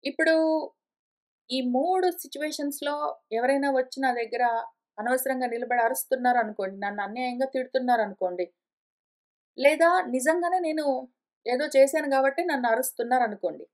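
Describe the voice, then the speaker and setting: A woman with a high, light voice teaches a scripture class. She explains each point patiently, step by step, building on everyday examples. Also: fairly quick, long pauses. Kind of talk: explanatory lecture. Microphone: conference call line.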